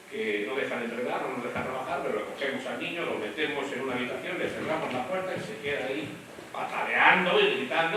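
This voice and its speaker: A man gives a lively, demonstrative voice lesson, talking straight to the class. He is picked up across a very echoey room. A steady hiss of noise sits under his voice. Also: medium pitch. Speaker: voice teacher. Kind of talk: classroom lecture. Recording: echoey room, mic from far off, noisy.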